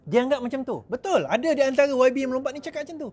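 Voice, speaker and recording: A middle-aged man with a Malaysian accent, giving an animated speech to supporters, mimicking others in quick asides and laughing often. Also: very high voice. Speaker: politician speaking to supporters.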